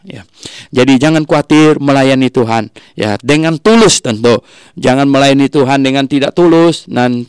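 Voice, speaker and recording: A man's voice: medium pitch, darkish tone, clean tone, dry recording. A man teaching from the Bible in a sermon, tagging his sentences with "ya" and acting out the voices in the story. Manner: frequent "ya" tags, acts out quoted voices.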